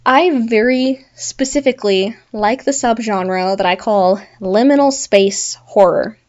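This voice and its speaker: A woman's voice: on the high side, a little slow, a little mellow. Chatty young woman, lo-fi mic. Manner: chatty, laughs at her own examples. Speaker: podcast host. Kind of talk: casual solo commentary.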